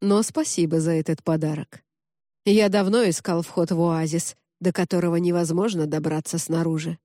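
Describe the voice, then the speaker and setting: Woman voicing a calm, cold male cardinal. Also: fairly low pitch, dry recording, studio quality, natural voice. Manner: calm, slow, indifferent. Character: cold, composed middle-aged male cardinal inquisitor.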